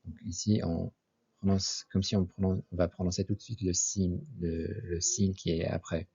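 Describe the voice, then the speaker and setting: A man with a low, warm, level voice and a breathy edge teaches a slow, methodical Arabic lesson at a moderate pace. He spells out letters and says each example word twice before explaining it. The recording is dull and lo-fi.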